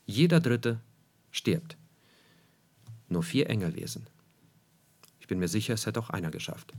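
A man's voice: lowish voice, lively intonation, a little slow, a little mellow, breathy edge. A man preaching a sermon, emphatic, repeating key phrases for weight and asking his listeners rhetorical questions.

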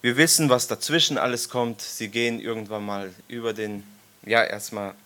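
A man in his thirties gives an informal sermon to his congregation. He reads the Bible passages aloud with weight and keeps the listeners involved with playful questions. His voice is bright and clear, at a mid-range pitch. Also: fairly even intonation, normal speed. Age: 30s. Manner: joking, engages the congregation with questions. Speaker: preacher leading a Bible study. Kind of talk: informal sermon with scripture reading. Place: church congregation gathering.

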